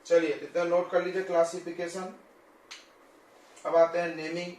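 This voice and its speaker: A man's voice: a little high, flat delivery, moderate pace, darkish tone, far from the mic. Man teaching chemistry in an echoey classroom. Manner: explains step by step, often checks students follow. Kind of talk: classroom lecture at a whiteboard. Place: coaching classroom.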